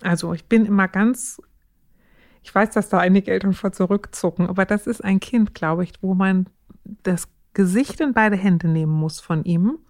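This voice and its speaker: A woman gives parenting advice in a relaxed podcast conversation. She keeps slipping into short voiced scenes between a parent and a child. Her pitch sits in the middle for a woman. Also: normal speed. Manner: warm, animated, acts out little scenes with parents and children. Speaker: parenting expert guest. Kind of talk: casual podcast advice talk.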